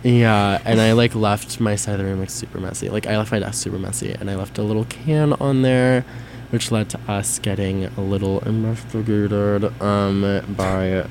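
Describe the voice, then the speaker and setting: A man's voice: fairly low pitch, fairly even intonation, normal speed, a little mellow, slight background noise. A nineteen-year-old man chatting casually with college friends, hesitant and full of ums, laughing often. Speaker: guest being interviewed.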